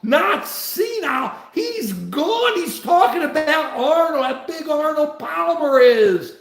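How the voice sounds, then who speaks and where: Older man, political livestream host, lively swooping pitch, repetitive animated talk. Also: takes it slowly, gravelly, echoey room.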